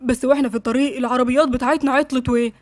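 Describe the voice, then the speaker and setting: A woman's voice: high voice, steady tone, no echo, lightly acted. Scared henchman voiced by a woman, Egyptian accent, begging and swearing oaths, dry close mic. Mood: pleading. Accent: Egyptian Arabic. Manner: pleading, swearing oaths, rapid. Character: frightened male henchman pleading with his boss.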